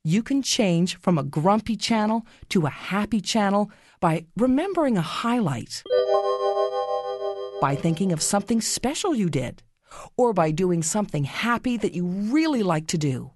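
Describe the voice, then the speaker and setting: Woman narrator for children's guided meditation: unhurried, soothing, gently instructive, with melodic pitch movement and a close, dry sound. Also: dry recording. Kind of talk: scripted guided meditation story.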